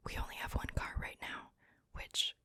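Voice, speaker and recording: A woman's voice: moderate pace, bright, forceful tone, no room sound. A woman whispering breathily, very close to the ear, in a casual ASMR chat. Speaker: ASMR video maker. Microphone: very close to the mic, ear to ear.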